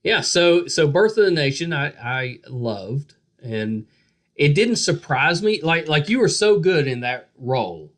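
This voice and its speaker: A man's voice: on the high side, animated, unhurried. A man hosting a podcast interview, effusive and full of praise, with lots of "yeah.". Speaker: podcast host. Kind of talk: casual interview chat.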